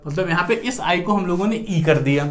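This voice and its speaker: A man's voice: high-pitched, lively intonation, fairly quick. A man with an Indian accent teaching English grammar, switching between Hindi and English and checking in with "right" after nearly every sentence. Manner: mixes Hindi and English, keeps asking "right" and calling viewers friends. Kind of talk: classroom grammar lecture.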